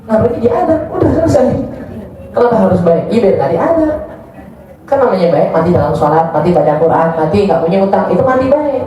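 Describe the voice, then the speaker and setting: A man's voice: sits high, big pitch swings, quick pace, warm tone, a little hiss or hum. A man, answering religious questions in a casual, joking way as a preacher. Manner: joking, colloquial, reads out audience questions. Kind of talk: informal religious study Q&A. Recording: distant, muffled, echoey room.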